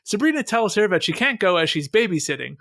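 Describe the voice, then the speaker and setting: Fast-talking and sing-song, the man has a high, fairly bright voice with no room sound. As a podcast host on a close mic, he recaps the episode and chats casually, full of wry sarcasm.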